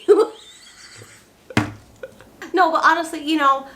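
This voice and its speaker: A woman's voice: sits high, slow pace, sharp tone. A woman speaks in a tipsy, playful way, chiming in casually. She comes across as a travel vlogger chatting through a Q&A, with a little noise behind her. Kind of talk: casual chat, Q&A.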